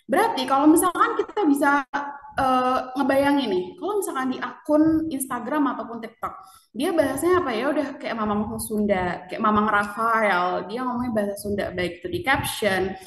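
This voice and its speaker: A woman's voice: on the high side, normal speed, fairly bright tone, echoey room, far from the mic. A woman presenting a casual marketing lecture, chatty, often asking the audience questions.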